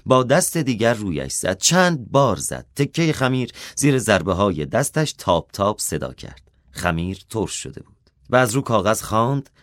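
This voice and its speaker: A man reading a children's story aloud, expressive and dropping softer for the character's inner thoughts. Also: on the low side, no echo, studio quality.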